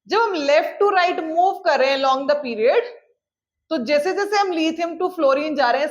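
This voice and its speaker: Woman chemistry teacher, high voice, classroom lecture, keeps asking if it's clear, slightly dull lo-fi sound. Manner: checks in often with "clear?", calls students "beta"; mixes English phrases into explanations, dictates definitions slowly.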